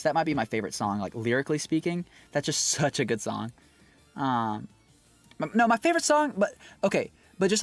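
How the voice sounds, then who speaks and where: A streamer and singer chats casually with his livestream viewers in a medium-pitched voice, with no room sound. He rambles animatedly, using lots of fillers and quick bursts of laughter.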